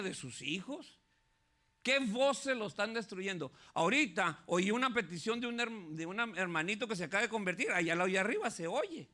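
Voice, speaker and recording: A man, a pastor preaching an animated sermon with laughs and shouted peaks. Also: high-pitched.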